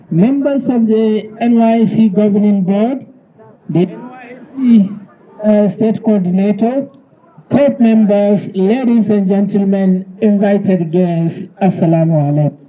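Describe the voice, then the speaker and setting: High-pitched Nigerian man reading a formal speech. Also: unhurried, narrow, tinny audio. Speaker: state government official. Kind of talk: formal speech read aloud at a ceremony.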